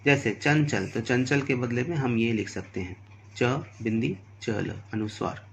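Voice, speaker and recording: A man's voice: mid-range voice, measured pace, creaky, slight background noise. A man teaching a Hindi grammar lesson to primary school children, patiently spelling out letters and examples. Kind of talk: slow, deliberate classroom lesson.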